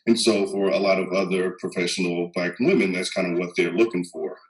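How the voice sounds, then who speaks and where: In a rough recording, a man in his thirties with a low voice and fairly even intonation speaks as a guest psychologist on a panel. Faintly Texan and from Texas, he is casual and measured, chuckling, restarting and saying "um" frequently.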